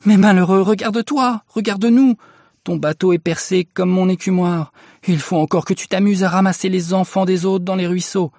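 A man voicing a middle-aged bargeman's wife who scolds her husband in a shrill, harsh voice, in a storybook reading. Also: steady tone, normal speed, a little mellow, no echo, studio quality. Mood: furious. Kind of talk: audiobook character voice.

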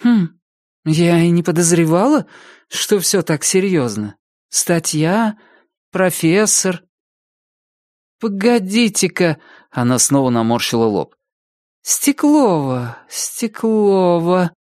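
A man's voice: fairly high pitch, big pitch swings, slow pace, pauses often, darkish tone, no echo, studio quality, pitched above the performer's own voice. A man reading an audiobook, voicing a wary, defensive middle-aged woman in a raised voice. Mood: guarded, doubtful. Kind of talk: audiobook character voice.

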